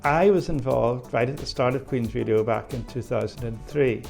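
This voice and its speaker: A man's voice: mid-range voice, moderate pace, creaky, music in the background. A middle-aged man giving a recorded personal message in plain, conversational speech. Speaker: former student radio volunteer.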